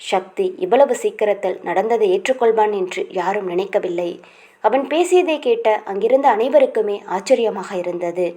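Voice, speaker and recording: A woman narrator reads a romance novel aloud, leaning into the drama of each scene. Her storytelling cadence is expressive and even. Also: medium pitch, moderate pace. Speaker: audiobook narrator.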